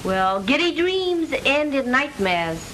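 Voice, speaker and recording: An actress playing a sensible, gently discouraging secretary with measured delivery in stagey 1920s comedy film style. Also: female voice, high-pitched, sing-song, heavily acted. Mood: gentle, sensible. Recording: noisy, hissy 1920s film soundtrack.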